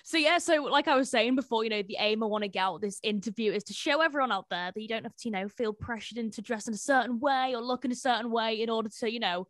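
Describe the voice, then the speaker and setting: A woman's voice: a little high, fast talker, few pauses, dry recording, clean studio sound. A woman hosting an interview show, talking in a casual, informal and slangy way.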